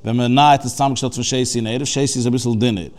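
A man giving a text study lesson, going through scripture phrase by phrase and explaining each Hebrew term. His delivery is conversational, with restarts and fillers. His voice sits at an ordinary middle pitch for a man. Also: fairly even intonation, rapid-fire, a little mellow. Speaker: religious teacher.

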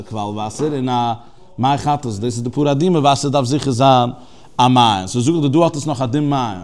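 A man giving a text study lesson, going through scripture phrase by phrase and explaining each Hebrew term. His delivery is conversational, with restarts and fillers. His voice sits at an ordinary middle pitch for a man. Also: darkish tone. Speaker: religious teacher.

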